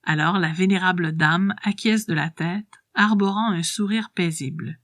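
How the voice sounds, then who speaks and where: Hushed woman reading a story. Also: on the low side, moderate pace, no room sound, studio quality. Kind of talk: scripted story narration.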